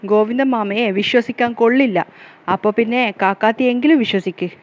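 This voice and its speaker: A woman's voice: fairly high pitch, fairly quick, lo-fi sound, natural voice. A woman doing a blunt, mocking relative.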